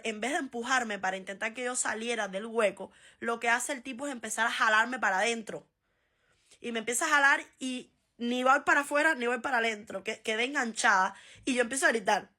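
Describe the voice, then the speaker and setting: A Cuban woman tells a funny story from her school days in a casual vlog style. Her voice is bright and sits slightly high, and she laughs and acts out the people in the story as she goes. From Cuba. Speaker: vlogger.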